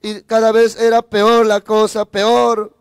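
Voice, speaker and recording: A man preaching his testimony in a high, smooth voice that keeps close to one level. He repeats his phrases and breaks in with praise, turning often to address his listeners directly. The sound is dry and close. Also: monotone, takes it slowly, dry recording. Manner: fervent, repeats phrases, adds praise interjections. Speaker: evangelist preacher. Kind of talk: sermon testimony.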